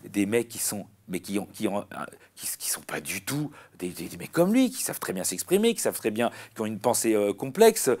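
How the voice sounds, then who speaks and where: A man, a comedian chatting in an interview, rambling and animated with many restarts. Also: on the low side, brisk, few pauses. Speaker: comedian guest. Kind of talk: casual interview chat.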